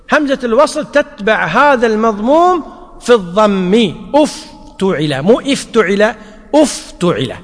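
High-voiced man teaching in a reverberant hall. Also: fairly bright tone. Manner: repeats points, often checks understanding with the class. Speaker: teacher of Arabic grammar. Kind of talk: classroom lecture. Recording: long reverb of a large hall.

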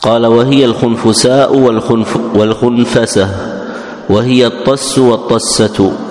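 A man reading a classical Arabic grammar text aloud in steady recitation for the teacher. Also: medium pitch, moderate pace. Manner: steady recitation, opens each passage with "he said". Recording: roomy hall with long reverb.

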